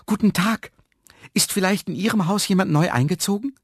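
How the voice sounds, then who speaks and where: Guy putting on a lost, polite storybook man, way higher and pretty flustered, dry close sound. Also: lively intonation, normal speed, breathy edge, dry recording, heavily acted. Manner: high, eager, flustered exclamations. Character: confused, polite middle-aged man, newly moved.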